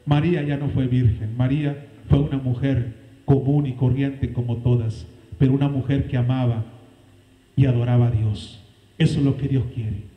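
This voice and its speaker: A man preaching a sermon as pastor, with dramatic swings in pitch and loudness. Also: steady tone, moderate pace, roomy sound, muffled recording. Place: church.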